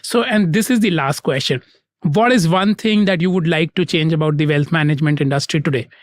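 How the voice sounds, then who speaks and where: A man's voice: on the high side, fairly quick, no room sound, studio quality. A man hosting a podcast interview, affirming the guest and asking questions in a friendly way. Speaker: podcast host. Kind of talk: conversational interviewing.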